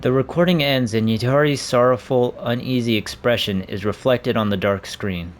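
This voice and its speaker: A man's voice: medium pitch, moderate pace, a little hiss or hum. A man playing through a game, reading the story text aloud and commenting, with small slips and restarts. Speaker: game player narrating.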